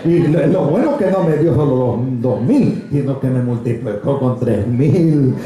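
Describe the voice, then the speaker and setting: A male pastor preaching an animated sermon, urging the congregation to say amen and swinging his voice up toward near shouts. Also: medium pitch, a little slow. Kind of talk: lively Spanish sermon with congregation responses. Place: church hall with congregation. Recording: very echoey church hall with congregation.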